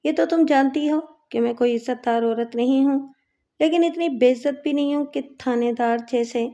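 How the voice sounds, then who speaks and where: A woman's voice: high voice, dark tone. A woman reading the lines of a brash, shameless woman inmate who boasts and mocks. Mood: boastful. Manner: boastful, mocking.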